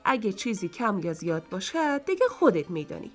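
A woman's voice: medium pitch, very animated, faint music behind. A woman voicing a proud, fussy male master of a house who scolds his servant sternly. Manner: stern, scolding, fault-finding.

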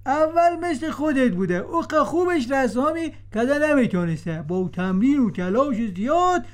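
A woman's voice: sits high, very animated. A woman voicing a playful, big-bellied cartoon friend, with an Afghan Dari accent. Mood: advising. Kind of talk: children's cartoon voice acting.

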